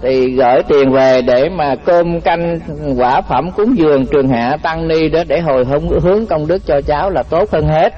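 A Buddhist monk giving a dharma talk, telling folksy stories and often repeating words. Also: male voice, a little high, moderate pace, hardly any pauses. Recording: muffled lo-fi radio-like recording.

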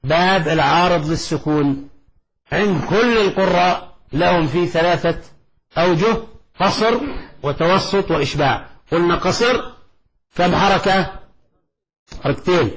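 A man teaching Quran recitation in a classroom, explaining a poem line by line and checking his students with quick questions. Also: a little high, a bit bright, husky, low-quality recording. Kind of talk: classroom lecture on a didactic poem. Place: classroom with a blackboard.

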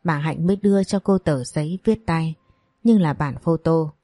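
A woman reading a dramatic story in a steady narrative voice. Her tone is low and dark. The recording is dry and close. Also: moderate pace, dry recording, faint music behind.

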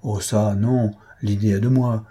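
Brief: male narrator doing a smart, unflappable young student, soft and polite, warm husky tone. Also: lowish voice, fairly even intonation, measured pace. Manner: soft-spoken, infinitely polite. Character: polite, clever teenage schoolboy posing as reporter. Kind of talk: audiobook character reading.

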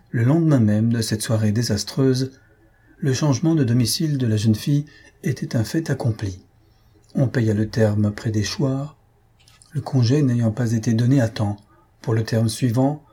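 A man reading a classic novel aloud as narrator, measured and steady. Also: mid-range voice, breathy edge. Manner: measured storytelling. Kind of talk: audiobook reading.

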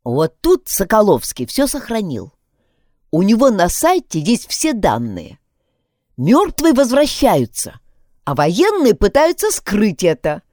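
A woman's voice: mid-range voice, darkish tone, no echo, clean studio sound, heavily acted. A woman voicing a stern, pushy young village man who presses and threatens.

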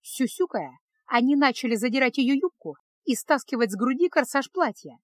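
A woman narrating a fantasy audiobook in an even, expressive storytelling manner. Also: sits high, normal speed, no room sound, clean studio sound. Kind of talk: scripted narration.

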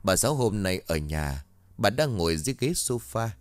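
A man narrating a ghost story in a low voice. His reading is expressive, with pitch that rises and falls dramatically, and it is recorded close and dry with no room sound. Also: moderate pace, dry recording.

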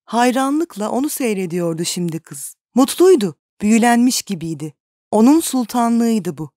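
A woman narrating a classic novel as an audiobook in a calm, measured reading. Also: on the high side, no room sound, studio quality.

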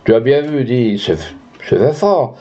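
A man's voice: mid-range voice, expressive, measured pace, mellow. A man playing a cruel, pompous rich landowner who bullies and boasts, in a dull lo-fi recording. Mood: wheedling. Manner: boastful, then furious and bullying.

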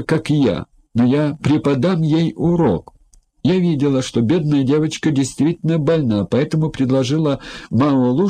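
A man's voice: fairly high pitch, dark tone, pitched above the performer's own voice. A man voicing a whining, fawning middle-aged brothel madam who pleads servilely in an audiobook.

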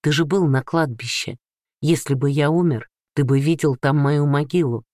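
A man voicing an earnest young adult son who speaks gently but insistently. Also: a little high, moderate pace, dry recording, clean studio sound, natural voice.

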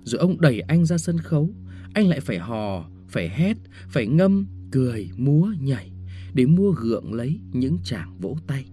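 Expressive male storyteller, mellow voice. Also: mid-range voice, moderate pace, faint music behind. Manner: expressive storytelling, shifting tone with the scene. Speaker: audiobook narrator. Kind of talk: scripted story narration.

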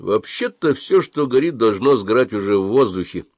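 A man voicing a calm, measured father in an audiobook. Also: lowish voice, dry recording. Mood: calm reasoning. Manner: measured, reassuring. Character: calm, solid father, middle-aged man.

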